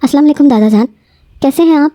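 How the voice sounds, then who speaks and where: A woman voicing a frightened young female student who pleads tearfully, her voice pushed higher. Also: mellow, no echo, studio quality, lightly acted. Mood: anxious.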